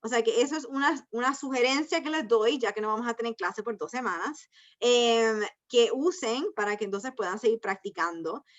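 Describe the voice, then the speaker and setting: A woman's voice: on the high side, normal speed. A woman teaching an online language class, explaining rules patiently step by step. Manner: patient, explains step by step, mixes Spanish and English. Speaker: ESL teacher. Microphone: video call. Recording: dull lo-fi video call audio.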